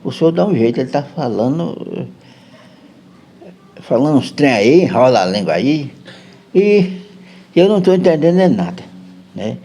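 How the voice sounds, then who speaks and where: A man's voice: medium pitch, very animated, normal speed, pauses often, mellow. A man voicing his worried, exasperated middle-aged mother, speaking with a Brazilian accent. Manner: pleading, exasperated country speech.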